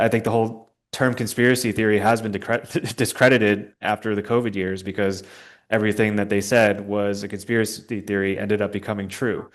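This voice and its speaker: Here a young adult guest responds to questions with casual political talk, pausing somewhat as he looks for words, in a lowish voice.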